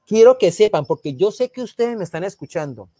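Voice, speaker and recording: This fairly high-voiced man from Barrancabermeja talks briskly in a Santander Colombian Spanish accent during a casual live online panel. He rambles, repeating and restarting words, and grows heated and indignant as he argues his point. There's no room echo; the sound is dry.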